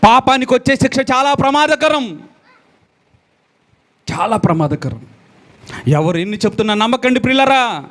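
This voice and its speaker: A male pastor preaching a sermon, swinging between loud exclamations and low, quiet lines and repeating phrases for emphasis. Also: animated, normal speed, pauses often.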